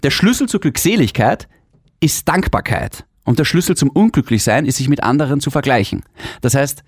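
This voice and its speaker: A man's voice: medium pitch, expressive, moderate pace, husky, no room sound. A man with an Austrian accent co-hosting a podcast in casual chat, blunt and sarcastic, swearing freely, on a studio mic. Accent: Austrian German. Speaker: podcast co-host.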